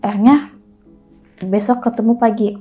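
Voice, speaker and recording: A woman telling a personal story in casual chat, animated and acting out the voices of the people in it. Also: fairly high pitch, moderate pace, soft background music. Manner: animated, acts out dialogue in quotes.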